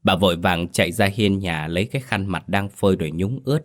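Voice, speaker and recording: Low-voiced guy reading a creepy horror story, slow and ominous. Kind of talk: scripted horror narration.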